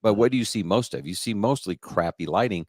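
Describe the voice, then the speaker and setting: A man's voice: on the low side, lively intonation, brisk, a little mellow, no echo, studio quality. A middle-aged man with a confident, explanatory manner, talking about his business in a casual interview. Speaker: lighting business coach.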